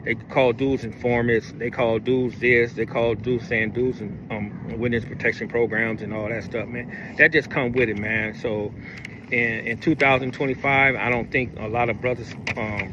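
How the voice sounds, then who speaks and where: A man's voice: medium pitch, little pitch movement, measured pace. A man giving casual commentary, repeating himself and leaning on fillers as he talks. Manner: repetitive, filler-heavy talk. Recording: street noise behind voice.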